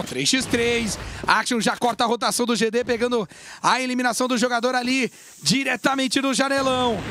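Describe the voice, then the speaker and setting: A Brazilian man commentating esports live in an excitable game-announcer style, stretching and shouting his calls. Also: extremely high pitch. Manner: excited, drawn-out shouts on big plays. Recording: clearly noisy game broadcast.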